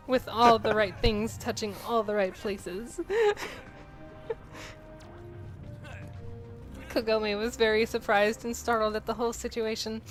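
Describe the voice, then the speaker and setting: Young woman, fairly high voice, giggly reader over gameplay, faint game music behind. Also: rough recording. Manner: giggly, reads aloud while breaking into laughter. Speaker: co-host reading a story over gameplay. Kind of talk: casual gameplay commentary, reading fan fiction aloud.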